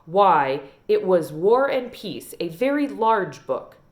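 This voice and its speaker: Storybook role: woman as elderly small-town lady librarian, genteel, wistful, folksy, very animated delivery. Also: medium pitch. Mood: dramatic, proud. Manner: folksy, emphatic, drawn-out storytelling.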